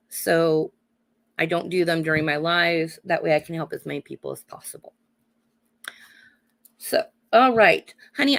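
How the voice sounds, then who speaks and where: Hoarse woman w a cold doing live card readings, calls everyone honey n darling, keeps saying okay?. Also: lowish voice, a bit bright. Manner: calls viewers honey and darling, adds "okay?" tag questions. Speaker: psychic card reader.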